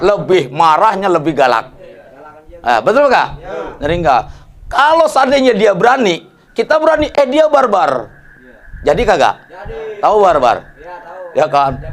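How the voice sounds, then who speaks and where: A man preaching, his voice high and gravelly. He jokes in street slang and keeps checking that his listeners agree. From Indonesia. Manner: jokey, colloquial, asks audience for agreement. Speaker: Islamic preacher. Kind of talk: casual mosque study sermon.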